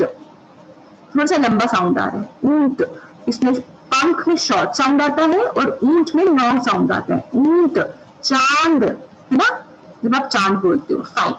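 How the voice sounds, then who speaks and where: A woman's voice: fairly high pitch, highs cut off, background noise. A woman kindergarten teacher giving an online class, drawing out each syllable patiently for small children.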